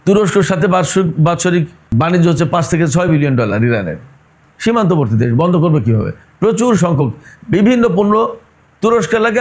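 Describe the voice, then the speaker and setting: A male commentator whose voice sits a little high for a man. He builds his case point by point, talks straight to his audience and keeps throwing pointed rhetorical questions. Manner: addresses listeners directly. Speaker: political commentator. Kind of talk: opinionated news commentary.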